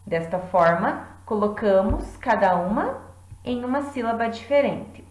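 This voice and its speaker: A woman teacher giving a lesson in a clear, deliberate way, clapping out syllables. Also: mid-range voice, lively intonation, a little mellow, roomy sound, low-quality recording. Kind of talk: classroom lesson.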